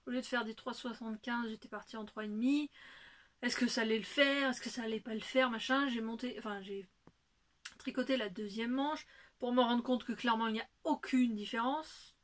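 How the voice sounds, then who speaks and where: A woman hosts a knitting video podcast, chatting casually in a voice on the high side at a slightly fast pace. She rambles along, chatty and full of hesitations.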